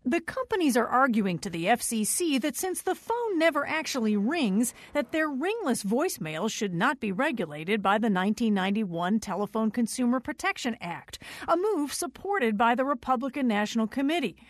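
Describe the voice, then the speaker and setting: A female news correspondent explaining a story in a crisp reporter's voice. Her voice sits a little high and rises and falls freely. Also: sing-song, moderate pace, few pauses, dry recording.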